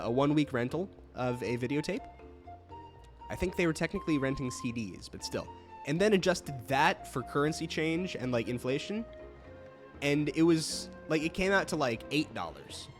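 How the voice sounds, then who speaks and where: A young man hosting a let's play, chatting casually with lots of fillers and easy laughs. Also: on the high side. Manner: rambling, filler-heavy, laughs easily. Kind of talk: casual gaming commentary.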